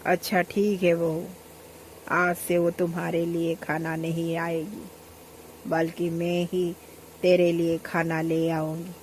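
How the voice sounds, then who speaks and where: A woman's voice: fairly low pitch, completely flat delivery, slow, slight background noise, low-quality recording. A woman voicing a partial, bossy mother-in-law who scolds one daughter-in-law and dotes on the other. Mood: scolding.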